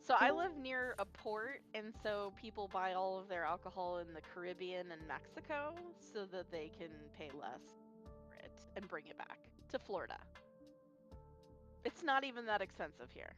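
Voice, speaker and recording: A woman's voice: medium pitch, expressive, normal speed, highs cut off, over music. A woman co-hosting a casual gaming stream, talking in playful, rambling stretches. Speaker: stream co-host.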